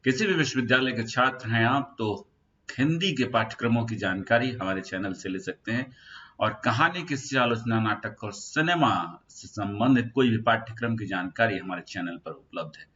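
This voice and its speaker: A man's voice: mid-range voice, moderate pace, fairly bright tone, lo-fi sound. A man explaining a university syllabus in an unscripted lecture, listing points with frequent filler sounds. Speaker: teacher of a Hindi course channel. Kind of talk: spoken lecture for university students.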